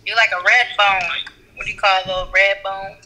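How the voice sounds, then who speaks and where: A woman's voice: medium pitch, level tone, brisk, pushed and bright, low-quality recording. A young American woman in casual chat, blunt and slangy. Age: young adult.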